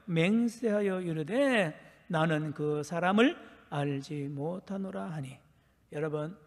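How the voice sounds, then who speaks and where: A male pastor giving a dawn sermon, asking the congregation questions and repeating key phrases for emphasis. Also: fairly high pitch. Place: church sanctuary. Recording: long church reverb.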